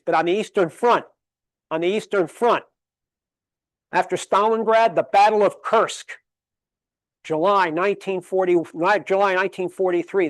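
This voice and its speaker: A Connecticut man with a high voice lectures on history in a public library's meeting room, rattling off dates and figures emphatically and leaning on rhetorical questions. The recording sounds dry.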